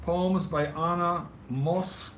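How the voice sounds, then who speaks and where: A man's voice: fairly high pitch, fairly even intonation, measured pace, fairly bright tone, far from the mic, a little hiss or hum. A man hosting a poetry open mic in a cafe, rambling through announcements with wry asides. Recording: echoey cafe room recorded from afar.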